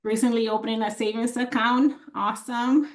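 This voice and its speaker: A woman's voice: on the high side, steady tone, normal speed. A woman from the Dominican Republic, a financial coach presenting an online workshop in an encouraging way, with many fillers and restarts. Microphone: computer mic on a video call.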